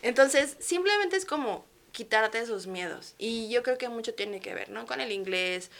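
Mexican woman in her 30s, guest on a chat show, bright voice, lively storytelling. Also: fairly high pitch, moderate pace, vocal fry. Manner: lively, chatty storytelling with frequent laughs and fillers. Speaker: guest architect. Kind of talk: casual interview chat.

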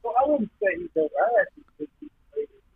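A man's voice: very high voice, racing, breathy edge, dry recording. Man on a breaking-up phone line. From Orlando, Florida. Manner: calm and conversational, asks for agreement. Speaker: caller. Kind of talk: casual sports debate.

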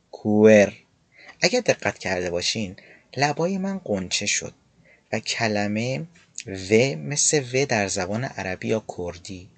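Lower-voiced man teaching pronunciation, dry sound. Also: husky, no echo. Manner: slow, careful pronunciation demonstrations. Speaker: Korean language teacher. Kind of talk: online language lesson.

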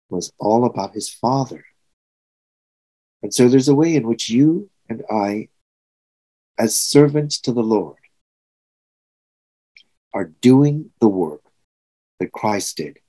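A man's voice: lowish voice, a little mellow, poor audio. A sixty-year-old man from Trinidad and Tobago, preaching a sermon in an earnest, reflective way with emphatic swells. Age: 60s.

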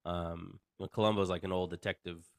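A man's voice: low-pitched, fairly even intonation, fairly quick, creaky, no echo, studio quality. A man co-hosting a podcast, chatting casually about TV series in an easygoing way, often restarting his sentences. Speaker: podcast co-host. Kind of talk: casual chat about films and TV.

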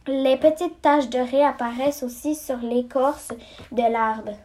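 A woman reading a children's story aloud, slow and halting, stumbling and restarting words. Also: high-pitched, steady tone, dark tone. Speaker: story reader.

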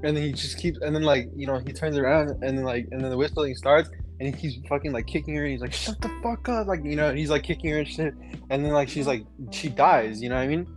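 A man's voice: medium pitch, steady tone, quick pace, over music, low-quality recording. A young man casually retelling a story to friends, rambling with many fillers. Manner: rambling, lots of "like" and "you know". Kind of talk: casual chat.

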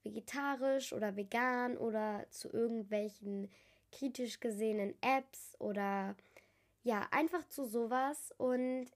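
A teenage girl with a fairly high voice hosts her own podcast at a measured pace. Despite a stuffy cold, she chats casually and earnestly to those listening.

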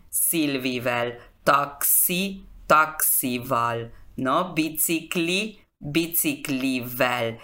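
A woman's voice: sits low, fairly bright tone. A woman giving a radio language lesson. She patiently repeats each example word several times. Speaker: Hungarian language teacher.

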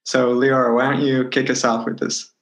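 A man asking interview questions in a measured way, as if reading from notes. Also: medium pitch, flat delivery. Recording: echoey room sound.

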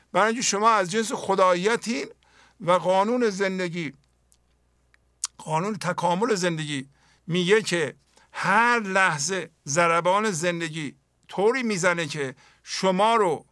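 Bright-voiced man explaining poetry. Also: sits high, no room sound, clean studio sound. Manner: explains earnestly, drops to a soft voice for imagined inner dialogue. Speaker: host of a spiritual poetry program. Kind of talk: spoken commentary on mystical poetry.

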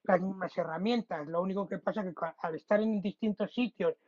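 A man co-hosting a podcast in casual chat, pausing to search for words. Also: high voice, darkish tone. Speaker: podcast co-host. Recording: dull lo-fi podcast audio.

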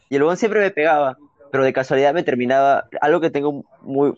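A young man with a Peruvian accent, telling childhood stories in an animated, slangy way with frequent laughs, as a podcast co-host. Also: medium pitch, no room sound. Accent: Peruvian Spanish. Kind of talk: casual storytelling chat. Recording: dull, dry lo-fi recording.

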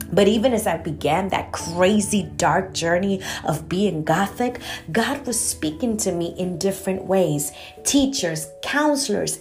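Earnest young woman evangelist hosting a podcast. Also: medium pitch. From Guatemala. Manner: earnest, preacherly. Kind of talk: personal testimony podcast.

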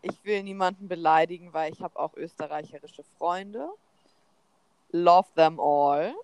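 A woman's voice: fairly low pitch, measured pace, a little mellow, clear, resonant tone, no echo, low-quality recording. A young woman, a university student, chatting casually and telling amused anecdotes. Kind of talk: casual chat.

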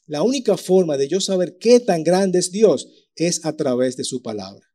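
Lively preacher man with a mellow voice. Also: fairly high pitch, moderate pace. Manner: lively storytelling with acted-out voices and sound effects. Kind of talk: sermon.

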